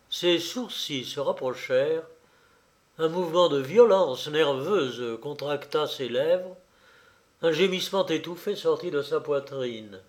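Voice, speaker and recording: A man reads a novel aloud with measured, dramatic phrasing. He takes his time over every sentence, and his voice sits a touch higher than most men's. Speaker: audiobook narrator. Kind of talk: scripted narration of a novel.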